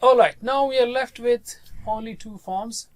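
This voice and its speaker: A man with a fairly high voice teaches a class at an unhurried pace. He mixes English explanations with Arabic words and patiently drills his students in call-and-response. His tone stays steady and instructive.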